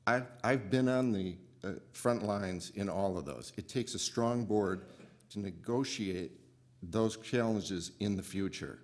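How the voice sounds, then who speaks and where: Middle-aged man, low register, relaxed candidate closing statement in an auditorium. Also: unhurried. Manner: relaxed, with small restarts and fillers. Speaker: school board candidate. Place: city hall auditorium.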